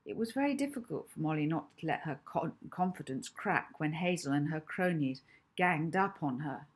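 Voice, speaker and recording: Husky woman reading her own storybook. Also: sits low, normal speed. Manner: animated storytelling, acting out lines. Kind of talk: expressive audiobook narration.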